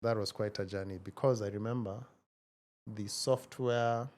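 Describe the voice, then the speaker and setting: A man in his forties, speaking as an interview guest in a measured, reflective way with frequent hesitations. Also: fairly low pitch, fairly even intonation, darkish tone. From Kenya. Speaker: guest, tech founder. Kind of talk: casual interview conversation.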